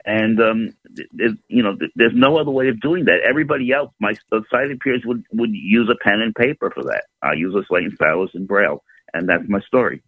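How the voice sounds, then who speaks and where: 70s male caller, low voice, steady storyteller, tinny phone line, dry sound. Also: a little fast, husky, no echo. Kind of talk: call-in radio chat.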